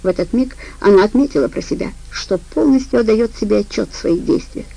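A woman narrating a crime novel audiobook in a steady, measured way. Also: mid-range voice, creaky, breathy edge, low-quality recording. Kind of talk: scripted narration.

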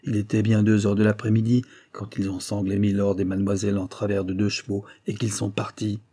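A man's voice: on the low side, little pitch movement, brisk, mellow, close to an everyday voice. A man reading a male servant who gives a plain, detailed account of events in an audiobook. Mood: matter-of-fact.

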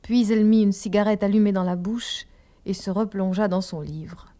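A woman narrating a novel in the first person, slow and hushed, often dropping into a whisper. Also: medium pitch, steady tone. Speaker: audiobook narrator.

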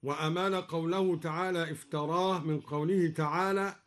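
A man who is a Quran scholar, explaining recitation variants on radio and chanting each example slowly and carefully. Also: a little high, steady tone. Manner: explains, then chants slow measured examples.

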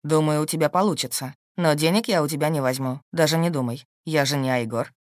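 A woman reading an audiobook, voicing a calm, shrewd and protective husband in a steady, dry, matter-of-fact way. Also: sits low, brisk, no echo, pitched below the performer's own voice, lightly acted. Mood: calm, firm. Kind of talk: audiobook character voice.

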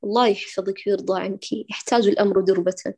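A woman teaching Quran recitation, patiently correcting a student and slowly demonstrating throat letters. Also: medium pitch, fairly even intonation, a little mellow, husky. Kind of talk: online recitation correction lesson.

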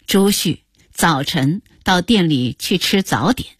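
An older woman narrating her own memories as a radio story, expressive and acting out the scenes. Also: lowish voice, slow pace, slightly rough, no echo, clean studio sound.

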